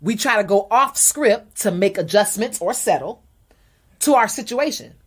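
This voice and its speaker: Measured female podcast co-host. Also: medium pitch, expressive, breathy edge. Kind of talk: casual debate chat.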